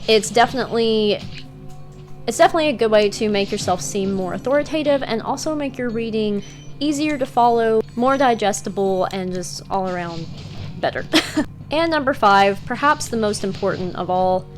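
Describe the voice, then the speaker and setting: A woman's voice: medium pitch, normal speed, faint music behind. A woman with an Eastern Kentucky accent gives casual advice in a conversational, encouraging way, as in a vlog. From Eastern Kentucky, United States. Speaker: freelance writer giving career tips.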